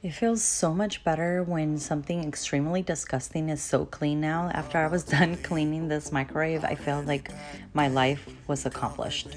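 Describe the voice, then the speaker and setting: A woman's voice: deep voice, fairly even intonation, normal speed. A young woman chatting casually with her viewers in a cleaning vlog voice-over, speaking straight to them. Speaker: cleaning vlogger. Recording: background music.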